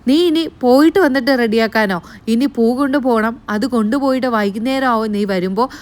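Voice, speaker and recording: A woman's voice: fairly high pitch, a little fast, close to an everyday voice. A woman voicing an angry elderly grandmother who scolds her family in a raised voice. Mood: scolding.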